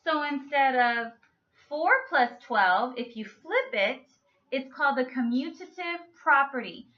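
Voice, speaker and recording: A woman's voice: high voice, expressive, measured pace. A woman teaching a children's math lesson through a story, playful and coaxing, stretching out her words. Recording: echoey room with a muffled sound.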